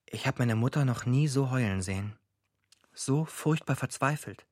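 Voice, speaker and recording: A man's voice: medium pitch, normal speed, dry recording, close to an everyday voice. A man narrating a radio drama as a grown son recalling his family's troubles, in short, dry, matter-of-fact sentences. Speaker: first-person narrator. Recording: narration over clear music.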